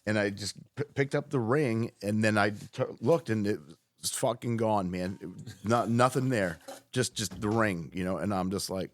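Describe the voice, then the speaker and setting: A man's voice: lowish voice, moderate pace, a little hiss or hum. A man on a podcast as a guest, telling a story in a loose, profane way, often stopping and restarting. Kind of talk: casual storytelling chat.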